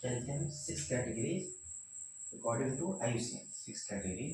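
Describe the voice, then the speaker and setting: A man's voice: medium pitch, lively intonation, moderate pace, a little mellow, recorded from a distance, slight background noise. Young male teacher with a Hindi accent. Repetitive, asks rhetorical questions, echoey room. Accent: Indian, Hindi. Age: young adult. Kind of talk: classroom lecture.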